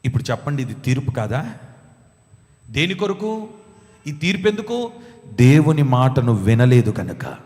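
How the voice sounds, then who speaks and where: A man preaching a sermon as pastor, emphatic, urging the congregation to answer back louder. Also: mid-range voice, big pitch swings, measured pace, long pauses. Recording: long hall reverb.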